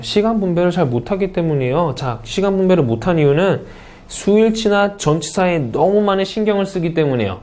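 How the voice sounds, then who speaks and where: A man's voice: a little high, darkish tone. A man from South Korea teaching an English speaking test course in an online lecture, often putting questions to his students and answering them himself.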